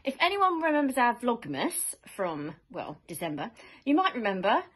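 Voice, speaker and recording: Lively, bubbly woman vlogger. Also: on the high side, normal speed. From Sussex, England. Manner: chatty and playful, with bursts of laughter. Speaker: vlog host. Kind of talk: casual home vlog chat. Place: home kitchen.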